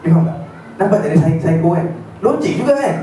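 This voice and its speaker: A man giving a lively storytelling lecture on religious history and mixing in English words. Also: sits high, fast, slight background noise. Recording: echoey room from far off.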